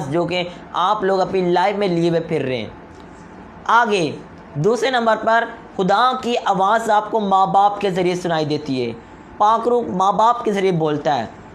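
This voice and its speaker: A man's voice: high voice, slight background noise. A man preaching a sermon in an earnest, exhorting way, often asking rhetorical questions and answering them himself.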